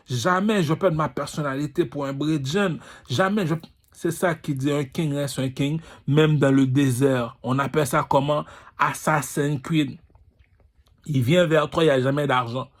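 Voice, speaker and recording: A man's voice: on the high side, fairly bright tone. Brash Quebec-accented man ranting. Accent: Quebec French. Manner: boastful, crude, swaggering street talk. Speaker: channel host. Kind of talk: ranting monologue.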